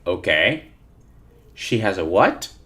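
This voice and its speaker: A man's voice: deep voice, sing-song, slow, a bit bright. A man teaching a live interactive online lesson, repeating points and often checking in with his listeners. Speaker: teacher of call-centre English.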